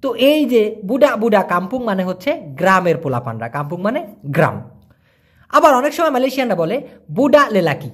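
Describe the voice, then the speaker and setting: Man, husky voice, lively up-and-down pitch, patient casual teacher, repeats words slowly. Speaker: language teacher. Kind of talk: casual spoken language lesson.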